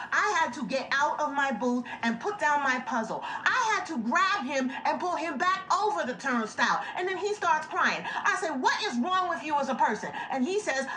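An actress playing a fed-up subway token booth clerk who talks in an exasperated, sassy mockumentary monologue. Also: female voice, high voice, pushed and bright, a little hiss or hum, full character voice, poor audio.

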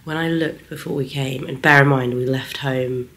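A woman's voice: rumbling low, fairly even intonation, moderate pace, vocal fry, a bit bright. A woman, chatting in a rambling vlog while half-whispering. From England. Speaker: vlogger. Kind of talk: casual vlog chat.

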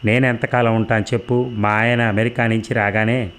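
A man's voice: lowish voice, flat delivery, a little fast, a bit bright, close to an everyday voice. Man reading as insistent young woman. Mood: earnest. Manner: pressing, persistent questioning.

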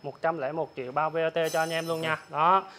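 A young man with a southern Vietnamese accent giving an informal, repetitive hard-sell pitch as a motorbike salesman, reeling off prices for buyers. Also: fairly even intonation, a little fast, pushed and bright. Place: large open-sided motorbike warehouse. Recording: clear ambient noise of open warehouse.

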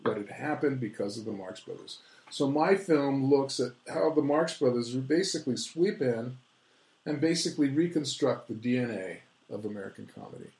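A man speaking as an author and guest, lecturing at length in a casual interview. He restarts his sentences a lot while explaining. His voice sits at a middle pitch and rings in a roomy, echoey space. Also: animated, moderate pace, darkish tone. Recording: roomy echo.

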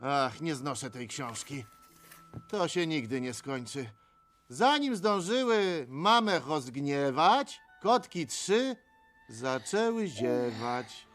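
A gruff middle-aged cartoon supervillain who sounds permanently exasperated. He drags his words out slowly and lets his pitch swing widely. He sounds sarcastic and openly reluctant, over a faint film score. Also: big pitch swings, fairly bright tone, faint music behind. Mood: grumbling. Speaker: dubbing actor. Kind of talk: animated film dub acting.

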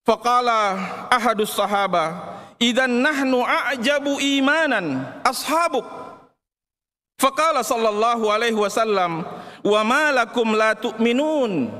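A man delivering a formal Friday sermon in a large mosque, measured and emphatic, weaving in Arabic recitation. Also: extremely high pitch, lively intonation, pushed and bright. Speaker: Friday preacher. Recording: long reverb of a big mosque hall.

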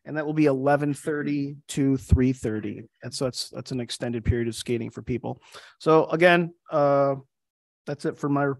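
A man's voice: medium pitch, normal speed, vocal fry, no room sound. A man, a city councilor, speaking at a council meeting in a friendly, slightly hesitant way. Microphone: table microphone.

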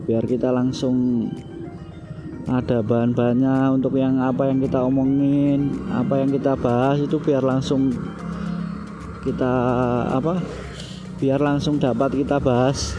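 A man's voice: medium pitch, muffled recording. A young man vlogging from a motorbike in city traffic, hesitant and repetitive, calling the viewer "bro" a lot. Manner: hesitant, repeats himself, says "bro" a lot. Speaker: motovlogger. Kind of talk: casual motovlog talk while riding.

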